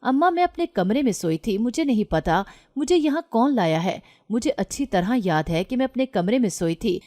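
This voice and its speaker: An anxious, defiant young daughter, voiced by a woman narrator in a read-aloud story. She is insistent and sharp-tongued, pitched a touch above the narrator's own voice. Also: animated, close to an everyday voice. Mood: worried.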